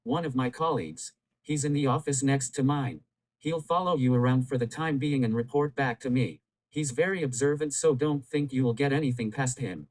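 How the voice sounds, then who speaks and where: A man voicing a strict, distrustful male village bureaucrat in a comedy game skit, speaking in a clipped, deadpan way. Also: medium pitch, lightly acted, poor audio. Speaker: town hall official.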